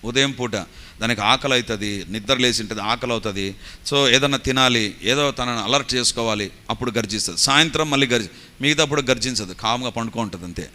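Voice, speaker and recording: A man preaching a sermon, telling stories with animated rising exclaims and slipping English phrases in. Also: medium pitch, fast talker. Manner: mixes English phrases into Telugu. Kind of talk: Telugu sermon.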